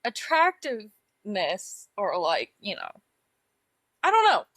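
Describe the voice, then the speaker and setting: A woman's voice: mid-range voice, huge pitch swings, slow pace, a bit bright, dry recording. A young woman co-hosting a podcast in casual chat, laughing a lot and using filler words. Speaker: podcast co-host.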